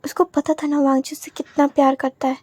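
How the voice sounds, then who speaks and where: High-voiced woman telling a story. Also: little pitch movement, a little mellow, dry recording. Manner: halting, with restarts. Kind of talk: reading her own fan story.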